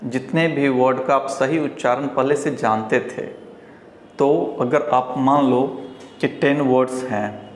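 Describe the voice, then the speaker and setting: A man with a Hindi accent teaching English pronunciation at a board, repeating each word slowly and with care. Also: medium pitch. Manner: slow, deliberate, repeats each word several times. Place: classroom with a board. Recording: echoey room with faint ambient noise.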